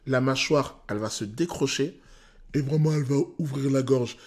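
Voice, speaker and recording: A male vocal coach talks through a song's technique in detail, often pausing on "euh". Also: mid-range voice. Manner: technical and animated, many "euh" pauses. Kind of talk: explanatory song analysis.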